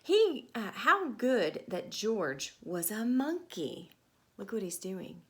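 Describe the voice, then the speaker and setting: Reading a picture book to a group of children, a storytime teacher speaks at a medium pitch, her delivery deliberate and expressive, punctuated by conversational asides and questions.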